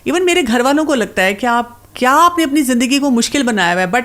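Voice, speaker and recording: A woman's voice: high-pitched, animated, fairly bright tone. Woman, diet expert guest, conversational explainer who drops in English terms. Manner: explanatory, sprinkles in English words; acts out other people's replies in quotes. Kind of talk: casual talk-show chat.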